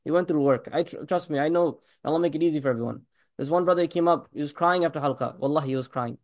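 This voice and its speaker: A male religious teacher gives a talk at a breakneck pace. His voice sits high, and he presses his points with rhetorical questions and repeated blessings. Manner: rapid, emphatic preaching with blessings on the Prophet woven in.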